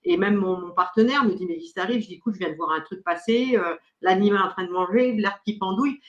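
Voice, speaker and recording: A woman's voice: medium pitch, fast, dull audio. A woman host and medium chatting casually in an interview, telling her own anecdotes. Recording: echoey room.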